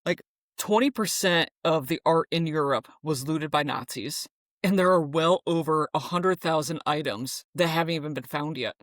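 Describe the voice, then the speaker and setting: A podcast co-host in casual chat, reading out facts in a relaxed, rambling way with fillers and restarts. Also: mid-range voice, moderate pace, dry recording, studio quality.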